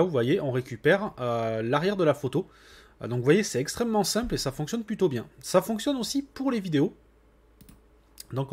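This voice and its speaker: A man's voice: on the high side, slightly rough. A man hosting a computer tutorial, casually talking viewers through a screen recording step by step, with frequent little fillers as he clicks. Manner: relaxed, chatty, with frequent "hop" and "voilà".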